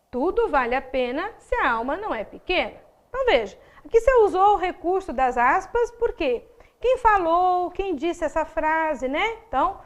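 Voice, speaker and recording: A woman with a Brazilian Portuguese accent giving a recorded grammar lesson, explaining step by step and checking in with frequent tag questions. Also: very high-pitched. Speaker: Portuguese teacher.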